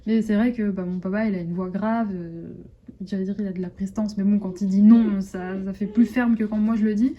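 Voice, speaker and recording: A woman's voice: mid-range voice, steady tone, a little fast, warm tone, lo-fi sound, a little hiss or hum. A young woman with a French accent chatting casually to her phone camera at home, rambling with lots of fillers and restarts. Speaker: vlogger. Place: at home indoors.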